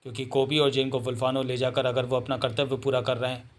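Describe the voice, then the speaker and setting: A man's voice: medium pitch, flat delivery, fast talker, a little hiss or hum, natural voice. A man voicing a fierce, proud wolf-man warrior who speaks sternly and defiantly. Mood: urgent.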